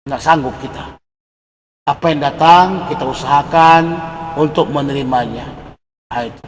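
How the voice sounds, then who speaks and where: A man giving an animated religious lecture, asking his audience rhetorical questions. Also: on the high side, moderate pace. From Indonesia. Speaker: religious teacher. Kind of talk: lecture on creed. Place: lecture hall. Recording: reverberant hall with faint noise.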